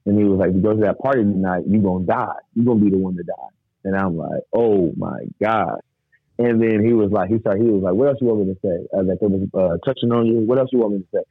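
A man's voice: lowish voice, fast talker, slightly rough, no room sound. A man, telling his story in casual talk, laughing often and acting out what others said. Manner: animated, laughs often, acts out quotes. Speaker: guest telling his testimony. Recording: dry tinny phone-like sound.

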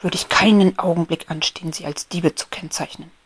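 A woman's voice: deep voice, moderate pace, husky, exaggerated voice. A woman voicing a prim, grumpy but polite male rose beetle in a whispered storybook role-play, formal in tone. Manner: formal, indignant scolding.

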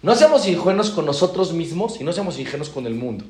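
Speaking fast in a rather high voice, a man teaches a Torah class as a rabbi, bringing stories to life by acting out their dialogues. He repeats phrases to stress them, with an animated delivery in a roomy, echoing space.

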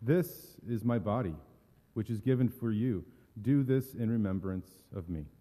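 A man playing a solemn, gentle Jesus in a dramatic scripture reading, measured, earnest and subdued. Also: fairly low pitch, natural voice. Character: Jesus, solemn, gentle teacher facing betrayal and death. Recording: echoey hall with long reverb.

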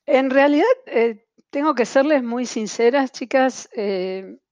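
A woman from Argentina with an Argentine Spanish accent appears as a guest over video call, a translation-tool specialist speaking with many fillers and restarts. Her voice sits high and slow, with no room sound.

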